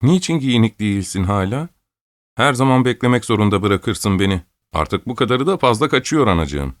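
A man's voice: lowish voice, big pitch swings, moderate pace, no room sound, studio quality, voice pushed up. A man reading an audiobook, voicing an old, imperious countess who scolds and gives orders. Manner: scolding, commanding, querulous.

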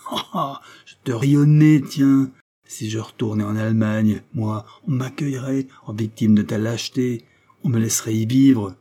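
A man performs a resentful royal son in a storybook reading, voice lifted high above the narration and full of defiance. Husky and dark, he shouts his grievances. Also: fairly even intonation, moderate pace, lightly acted. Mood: bitter. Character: bitter rebellious adult prince, the emperor's son.

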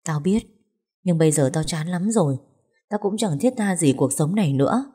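A woman reading the lines of a despairing young man who calls his friend, in a low, mellow voice. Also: lively intonation, moderate pace, slightly rough. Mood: gloomy.

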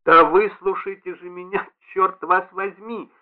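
A man's voice: a little high, measured pace, close to an everyday voice. A man reading aloud and voicing a poor, sick old man who pleads and grows exasperated. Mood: pleading. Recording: tinny band-limited radio broadcast.

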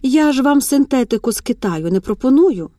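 A woman voicing a brisk, sympathetic female shop assistant. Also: high voice, animated, no room sound, studio quality, recorded from a distance, pitched above the performer's own voice. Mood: persuasive. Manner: brisk, warm-hearted.

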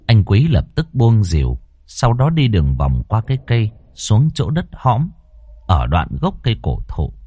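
A male storyteller reading a ghost story aloud with dramatic expression. His voice is low and mellow, swinging widely in pitch. The sound is close and dry. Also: wildly swooping pitch, normal speed, dry recording.

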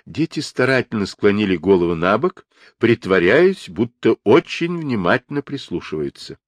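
Expressive man reading an audiobook. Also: on the low side, moderate pace, dry recording. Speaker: audiobook narrator. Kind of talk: audiobook narration.

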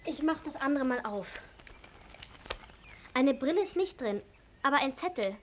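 A woman playing a young character in a radio play, speaking gently and coaxingly, often hushed. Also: sits high, lively intonation, a little slow, a little hiss or hum. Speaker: girl character Hannah.

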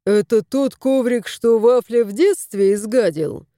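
A woman voicing a calm, matter-of-fact young husband in an audiobook. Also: on the high side, a little slow, no room sound, studio quality, natural voice.

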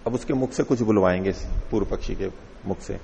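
A man teaching a classical philosophy text in a lecture hall, reciting verses slowly and then explaining them with rhetorical questions. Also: lowish voice, vocal fry, warm tone. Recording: dull lo-fi recording with long hall reverb.

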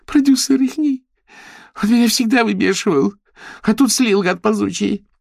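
A man voicing a brash, crude young woman influencer in an audiobook, talking shrill and rude. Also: animated, moderate pace, a little mellow, no echo, studio quality. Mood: wailing. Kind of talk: audiobook character voice.

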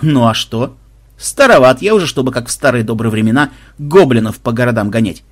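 Burly, blustering tavern keeper, played by a man; loud, husky, talkative. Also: mid-range voice, lively intonation, fairly quick, lightly acted.

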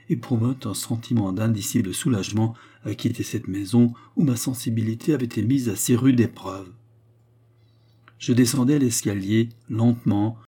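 A man narrates a classic novel as an audiobook, telling the story in a measured, even manner. His voice is medium in pitch with a breathy edge.

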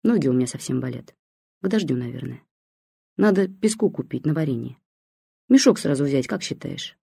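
Reader playing bossy old fortune teller lady, short sharp orders, husky dark voice. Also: mid-range voice, lively intonation, moderate pace, no room sound, studio quality. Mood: curt, caring. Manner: curt, commanding. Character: stern old woman fortune teller, commanding and curt. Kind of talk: audiobook character voice.

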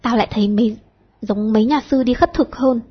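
A woman voicing a bossy teenage schoolgirl who leads her friends, brisk and mock-stern, with a husky tone. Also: fairly high pitch, muffled recording. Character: bossy, sharp-tongued teenage schoolgirl leader.

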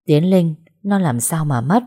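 A woman's voice: sits low, animated, measured pace, warm tone, slightly rough, exaggerated voice. A woman voicing a stern elderly grandfather, a company chairman. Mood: grave.

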